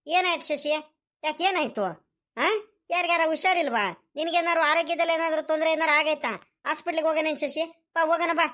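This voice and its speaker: In a village comedy cartoon, a woman voices a worried young village husband who pleads and repeats the same questions over and over. Her voice is high, bright and forceful, steady in tone and fairly quick, full of anxious pleading.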